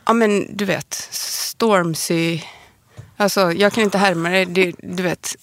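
A woman's voice: fairly low pitch, steady tone, dry recording, clean studio sound. A woman in her forties with a Borås Västergötland accent, a podcast guest chatting casually, self-mocking and often laughing. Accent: Borås Västergötland Swedish. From Sweden, Västergötland. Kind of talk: casual chat.

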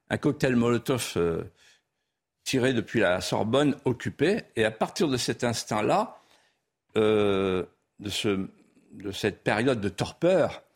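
This guest author from France grew up speaking Vendée patois, a regional dialect. Interviewed in a studio, he talks with a mid-range voice in a lyrical, sweeping style that rises to emphatic peaks.

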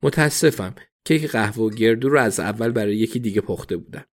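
A man's voice: fairly low pitch, close to an everyday voice. A man voicing a kindly, fussy older woman who chats and apologizes in a read storybook. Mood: friendly.

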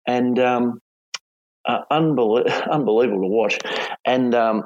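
A middle-aged man with an Australian accent, telling a story conversationally as an interview guest, in a casual, hesitant way with halting phrasing. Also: mid-range voice, a little mellow. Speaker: former police hostage negotiator, interview guest. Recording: dull, echoey room recording.

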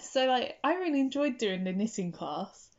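A woman's voice: a little high, sing-song, moderate pace. Young woman, casual rambling chatter, slightly muffled recording. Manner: rambling, filler-heavy, restarts often. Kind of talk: casual chat.

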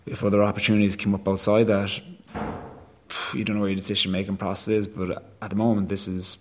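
Low-voiced west of Ireland man. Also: level tone, fast, slight background noise. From Galway, west of Ireland. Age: 30s. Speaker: rugby sports staff member, coach. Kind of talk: conversational interview answers.

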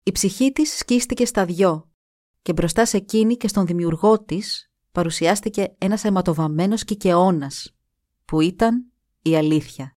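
A woman's voice: lowish voice, dark tone, no echo. Woman reading a story, dry sound. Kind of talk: scripted story narration.

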